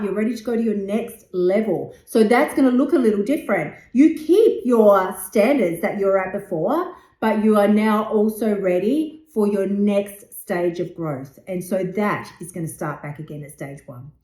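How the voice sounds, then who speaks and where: A woman's voice: mid-range voice, normal speed, mellow. Woman, 50s, podcast host, blunt, emphatic, swears, roomy echo. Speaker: podcast host and weight loss coach. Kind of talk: motivational podcast monologue.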